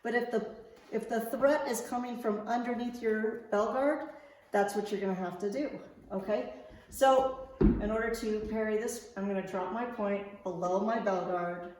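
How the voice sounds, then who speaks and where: A woman's voice: medium pitch, steady tone, normal speed, darkish tone. A woman coaching a fencing class, explaining technique step by step in an informal, checking-in way. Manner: informal, checks understanding with okay. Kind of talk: instructional demonstration, explaining step by step. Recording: very echoey large room.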